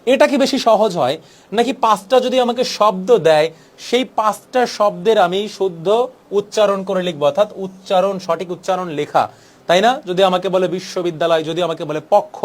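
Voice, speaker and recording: A young man from Bangladesh teaching an exam-prep lesson, brisk and persuasive, dropping English words into his Bangla. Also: sits high. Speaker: exam tutor.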